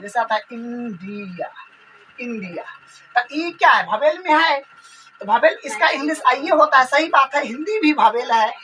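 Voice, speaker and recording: Woman, grammar teacher, high bright voice, repeats each rule. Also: far from the mic, a little hiss or hum, rough recording. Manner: slow, repetitive explaining. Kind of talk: grammar lesson explanation.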